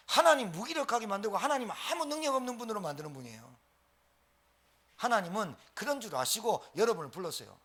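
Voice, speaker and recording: Animated, high-voiced man preaching. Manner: animated, emphatic repetition, colloquial storytelling. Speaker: pastor. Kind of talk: sermon at a Friday prayer meeting.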